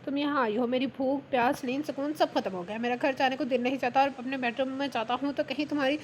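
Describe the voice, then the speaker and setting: A woman reads a lovesick young husband who begs his wife to come home, his words flowery and romantic. The voice sits high, with a faint hiss of room noise behind it, as in a storybook read aloud. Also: fairly even intonation, fast talker, close to an everyday voice. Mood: pleading. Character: ardent young husband pleading for his wife's return.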